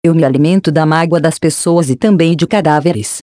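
Mocking cruel spirit in a storybook, read by a Brazilian narrator, dark mellow voice. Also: mid-range voice, brisk, no room sound, studio quality, close to an everyday voice. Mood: taunting. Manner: sarcastic, taunting.

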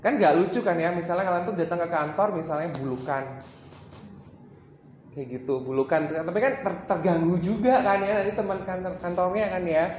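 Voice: medium pitch, fairly quick, darkish tone, slight background noise. A workshop presenter giving a casual training talk to a small group, chatty, with many fillers and English phrases mixed in. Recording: roomy echo.

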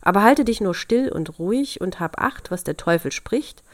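A woman's voice: medium pitch, animated, normal speed, no room sound, studio quality, natural voice. A woman reading a fairy tale aloud, voicing the Devil's grandmother as a shrewd, soothing old woman. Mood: coaxing.

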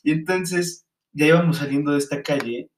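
A man's voice: a little high, moderate pace, echoey room, slight background noise. Slangy Mexican man telling a story. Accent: Mexican Spanish. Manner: animated slangy anecdote telling. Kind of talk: casual storytelling chat.

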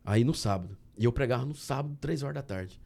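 A man from Brazil, a guest on a podcast, telling a personal story in a casual, animated way and often saying "cara". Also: mid-range voice, fast, gravelly. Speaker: podcast guest, candy entrepreneur.

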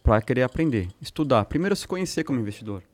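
Brazilian guy, podcast guest, mid pitch voice, slangy storyteller. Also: lively intonation, fast, a little mellow. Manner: storytelling, acts out quotes, slangy. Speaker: guest trader. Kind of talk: casual podcast conversation.

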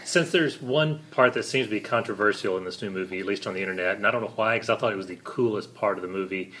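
A man's voice: lowish voice, fast, a bit bright. A man hosting a casual podcast chat, rambling with enthusiasm. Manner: enthusiastic, rambling fan talk.

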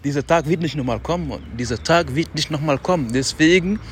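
Loud, slangy man outdoors. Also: a little high, a little fast, slight background noise. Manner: loose and self-talking, slangy asides; speaks loudly on purpose. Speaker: podcast host. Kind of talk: casual motivational monologue. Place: outdoors on a city street.

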